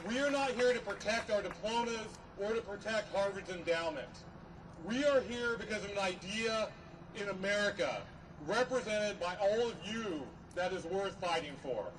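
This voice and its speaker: A middle-aged man giving a podium speech as a professor at a rally, earnest, measured and emphatic. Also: sits high. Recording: distant mic, noisy outdoor rally.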